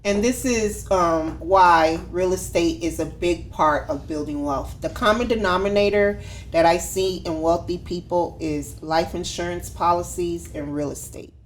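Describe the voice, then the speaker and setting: A woman's voice: lowish voice, unhurried. A woman hosting a casual conversation, affirming her guest and asking guiding questions. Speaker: host. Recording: faint background noise.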